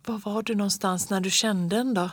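A storyteller voicing a young boy in a storybook, speaking in a hushed, hesitant way. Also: medium pitch, dry recording, voice pushed up, lightly acted. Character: young boy, nervous and curious. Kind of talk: storybook read-aloud.

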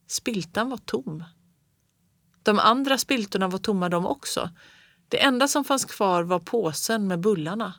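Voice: medium pitch, fairly bright tone, no room sound. A reader narrating a children's book in the first person, read close to a studio mic. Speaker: audiobook reader.

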